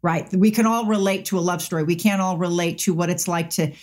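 A woman's voice: lowish voice, fairly even intonation, a little fast, darkish tone. Chatty woman telling set stories. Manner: chatty anecdotal storyteller. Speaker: actress. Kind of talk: casual chat.

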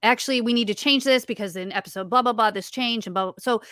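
Talking fast in a high-leaning, slightly bright voice, this writer and voice actor sounds childlike as she chats through a casual interview. She keeps restarting her sentences and dropping in fillers, captured in a dry, clean studio recording.

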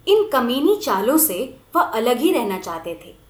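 A woman reading a novel aloud with expressive storytelling. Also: fairly high pitch, measured pace. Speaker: narrator. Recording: echoey room.

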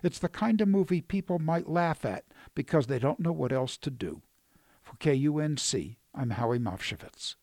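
Man, radio film critic, wry and dry, slightly high voice, close dry studio sound. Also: animated, normal speed, a little mellow, no echo. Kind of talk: scripted radio film review.

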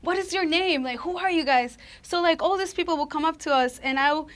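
A woman's voice: very high-pitched, brisk, fairly bright tone. A woman from Colombia, a musician in a band, telling her story in a casual interview with lots of "like" and "you know". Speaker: band member, violinist.

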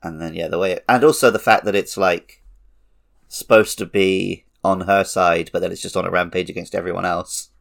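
Enthusiastic and casual, a podcast co-host with a low, steady, gravelly voice discusses films and games in fan-level detail at a moderate pace.

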